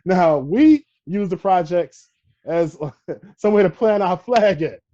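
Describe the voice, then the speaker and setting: A man's voice: high voice, lively intonation, takes it slowly, mellow, lo-fi sound. A man from Brooklyn with a New York accent, talking emphatically in a casual podcast conversation and tagging points with "all right". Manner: emphatic, peppers points with "all right" and "you know what I mean".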